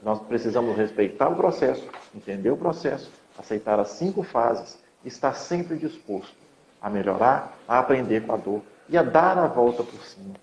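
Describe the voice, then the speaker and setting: A man hosts a reflective talk about grief and speaks in an earnest, encouraging way. His voice sits at a middle pitch. The recording sounds roomy and slightly muffled, with a faint hiss underneath. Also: animated, moderate pace, darkish tone. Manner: earnest, encouraging, repeats phrases. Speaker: host, hypnotherapist. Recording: echoey, dull audio with faint hiss.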